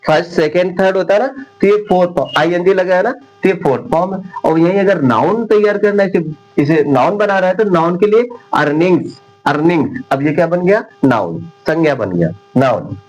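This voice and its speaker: A man's voice: sits high, expressive, a little fast, darkish tone, lo-fi sound. Hindi-speaking man teaching English grammar. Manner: repeats words patiently, corrects mistakes firmly. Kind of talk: classroom-style grammar lesson.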